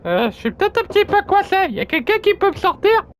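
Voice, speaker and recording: Very high, lively gamer voice. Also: fast, faint music behind. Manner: rowdy, swears and yells at the game. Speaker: let's play gamer. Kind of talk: animated gameplay commentary. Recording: noticeable background noise.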